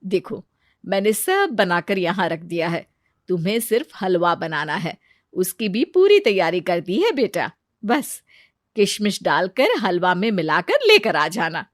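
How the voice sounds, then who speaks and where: A woman voicing a patient, kindly middle-aged mother-in-law in a cartoon story, speaking calmly. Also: lowish voice, unhurried, dry recording, studio quality. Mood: gentle. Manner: calm, kindly, reassuring.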